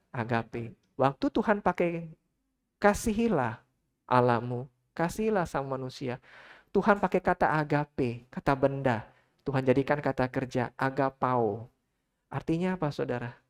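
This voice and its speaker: Low-voiced woman preaching a sermon. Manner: engages the congregation with frequent questions, addressing listeners as "Saudara". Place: church.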